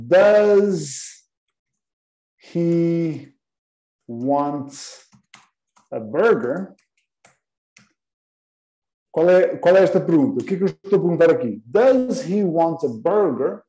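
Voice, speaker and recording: A man's voice: medium pitch, dark tone, echoey room, low-quality recording. A man teaching an English class live, patiently repeating words and quizzing his students.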